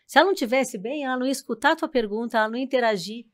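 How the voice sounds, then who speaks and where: A woman, a speech and hearing therapist, explaining hearing loss on a podcast in a measured way, often adding "né?" tags. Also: fairly high pitch. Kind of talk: explanatory guest chat.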